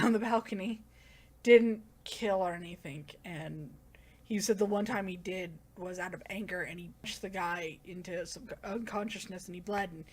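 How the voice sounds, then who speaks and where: A woman giving a casual, rambling plot recap as a manga reviewer, with lots of "like" and self-corrections. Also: medium pitch.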